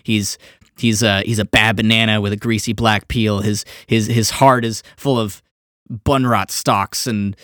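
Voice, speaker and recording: A man's voice: on the low side, steady tone, measured pace, a bit bright, no echo, studio quality. A man co-hosting a podcast, spinning a playful plan and laughing often in casual chat. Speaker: podcast co-host.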